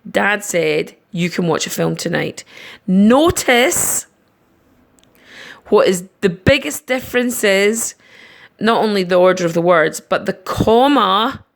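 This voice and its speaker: A woman teacher giving a recorded online lesson, patiently explaining each step slowly. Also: medium pitch, gravelly. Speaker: primary school teacher.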